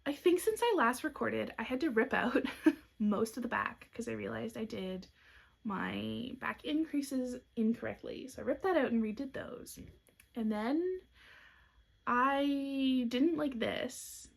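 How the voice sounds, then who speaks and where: A young knitwear designer who hosts a podcast chats casually while showing her designs, hiccuping along the way. Her voice is a little high, husky and fry-tinged, with lively intonation at normal speed, and her tone is upbeat with gentle asides.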